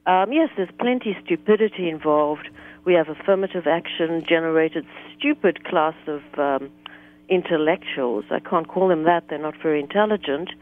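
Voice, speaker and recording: A woman from South Africa, a guest author speaking in an articulate, measured way during a political talk radio interview. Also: sits low. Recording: tinny phone line.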